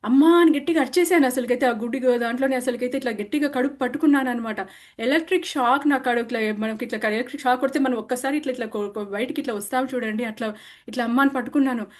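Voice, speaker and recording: A woman's voice: high voice, very fast. A woman telling the story of her own spiritual experience in a conversational way, earnest and full of restarts, slipping English words into her speech. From India. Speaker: meditation practitioner sharing her experience. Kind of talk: personal testimony, conversational.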